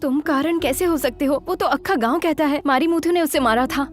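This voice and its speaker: An actress playing an insistent, scolding young wife in a Hindi film dub. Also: female voice, sits high, a little fast, faint music behind, lightly acted. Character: bossy loving young wife.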